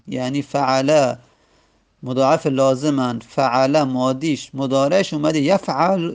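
A man teaching a grammar lesson, slowly sounding out each word and repeating it before he explains what it means. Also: mid-range voice, vocal fry, a little mellow. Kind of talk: classroom lecture explaining verse word by word.

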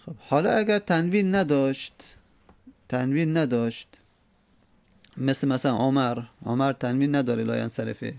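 A man's voice: mid-range voice, gravelly, pauses often, darkish tone, no room sound. A male teacher, a native Persian speaker, explaining Arabic grammar step by step, repeating each form with frequent hesitations.

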